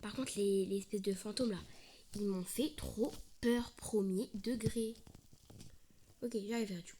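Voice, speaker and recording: A woman's voice: medium pitch, steady tone, unhurried, dark tone, a little hiss or hum. A young woman giving casual let's-play commentary, chatty and playful, often dropping to a whisper. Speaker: gaming video creator.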